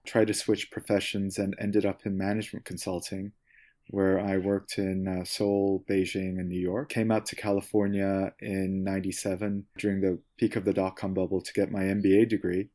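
Man, forties, guest, measured, pausing, lowish voice. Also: flat delivery, dark tone. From South Korea. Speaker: guest, venture capitalist. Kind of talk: interview answers.

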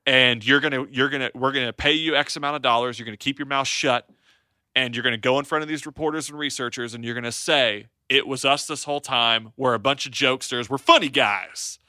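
A man's voice: medium pitch, steady tone, fairly quick, pushed and bright, no echo, studio quality. A man playing a bossy government handler. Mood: commanding. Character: blunt male government handler giving orders.

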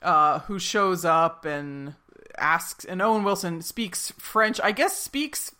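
A woman's voice: lowish voice, takes it slowly, bright, forceful tone. A woman podcast co-host in casual chat, animatedly retelling a TV episode with frequent giggles and fillers.

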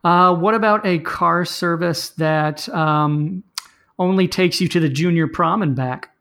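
A man's voice: on the high side, a little slow, vocal fry, a bit bright. A man hosting a comedy podcast, giving prompts like a teasing, dry quizmaster in casual banter. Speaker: host running comedy game rounds.

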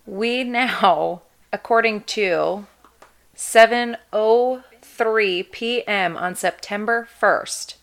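A woman's voice: medium pitch, drawn-out words, vocal fry. A woman in her thirties co-hosting a casual podcast, chatty, laughing often and swearing freely. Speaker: podcast co-host.

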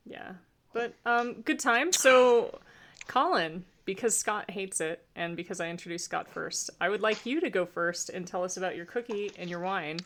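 A woman's voice: mid-range voice, moderate pace, a bit bright, a little hiss or hum. Upbeat woman hosting a casual chat. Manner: upbeat, guiding the talk. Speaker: host.

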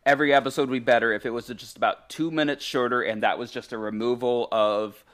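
A man's voice: medium pitch, fairly even intonation, fast, a bit bright. A man with a mid-range voice co-hosting a casual podcast. He is blunt and sarcastic, making his complaints with dry, cutting exasperation. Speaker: podcast co-host. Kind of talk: casual chat.

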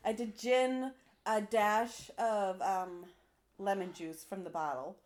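A woman's voice: medium pitch, fairly even intonation, slow, a little mellow. A woman co-hosting a podcast in casual chat, teasing and joking with dry asides. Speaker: podcast co-host.

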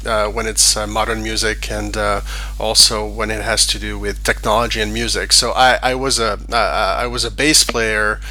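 A man's voice: on the low side, level tone, normal speed, bright, forceful tone, slight background noise. A middle-aged man from France, a guest in a casual interview, talking with many fillers and restarts. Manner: hesitant, many fillers and restarts, laughs easily. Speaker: guest, online business owner.

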